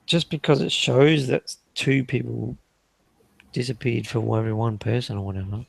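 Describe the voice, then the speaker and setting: A man's voice: medium pitch, steady tone, normal speed, gravelly, husky, dry recording. A man explaining things casually in an informal conversation.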